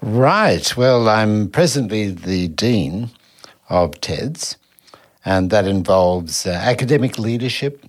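A man with an Australian accent, a seminary dean, speaking as a guest in measured, deliberate interview answers. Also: fairly low pitch, animated.

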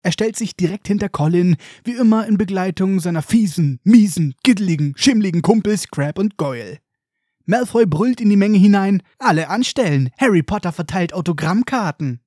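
A man's voice: high-pitched, mellow, no echo, studio quality. A man retelling a book as a storyteller, with sarcastic, mocking asides.

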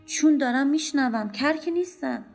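A woman doing a poor young wife who snaps and pleads at full volume. The voice sits high, with a gravelly edge. Soft music plays behind this audio story. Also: animated. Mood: bitter. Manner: agitated, loud and pleading. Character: distraught poor young wife shouting at an unseen husband.

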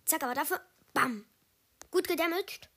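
A woman giving live gameplay commentary, excitable and loud in bursts, slipping in English gamer slang and dropping to quiet asides. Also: high-pitched, moderate pace. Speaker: gaming video host.

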